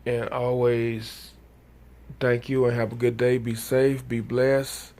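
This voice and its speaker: A man vlogging to his channel, reading a news item and then talking casually, sleepy and just woken up, with many halting restarts and fillers. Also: medium pitch, little pitch movement, a little mellow.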